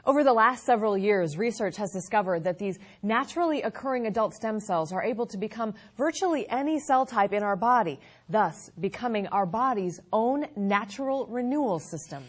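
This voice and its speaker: A woman's voice: medium pitch, lively intonation, fairly quick, breathy edge. A woman co-hosting an infomercial, presenting scripted lines and interview questions in a polished way. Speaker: infomercial co-host.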